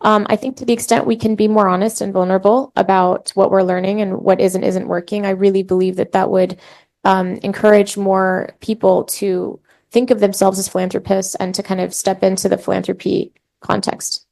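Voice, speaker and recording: A woman's voice: medium pitch, level tone, brisk, gravelly, darkish tone. A woman on a philanthropy panel, speaking in an earnest, reflective way. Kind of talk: panel discussion.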